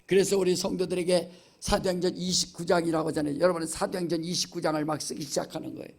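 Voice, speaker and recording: A man's voice: high voice, level tone, quick pace, creaky. A middle-aged male pastor from Chungcheong, with a Chungcheong accent, preaching an emphatic sermon and often prodding the congregation. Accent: Chungcheong Korean. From Chungcheong, Korea. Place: church sanctuary.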